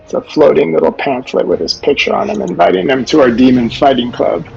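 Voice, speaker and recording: Very creaky, higher-pitched male game player. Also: brisk, darkish tone. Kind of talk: casual game chat. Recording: muffled lo-fi audio, faint music.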